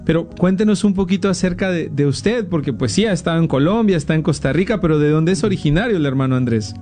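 A man hosts an interview and asks his guest questions in a friendly, respectful manner. His voice is slightly high but mellow. Faint music plays behind him. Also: lively intonation, fast talker. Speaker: interviewer, host. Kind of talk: conversational interview.

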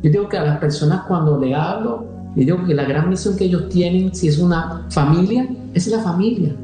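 A man's voice: high-pitched, fairly quick, warm tone, very echoey, faint music behind, low-quality recording. A religious brother in his fifties, speaking in a conversational interview with frequent hesitations and restarts. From Puerto Rico. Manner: hesitant, many restarts and fillers.

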